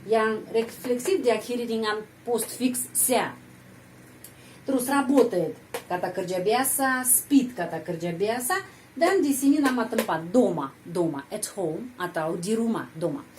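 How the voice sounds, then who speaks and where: A woman teaching a language lesson, patiently explaining grammar and slowly repeating example sentences. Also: fairly high pitch, lively intonation, darkish tone, slight background noise, low-quality recording.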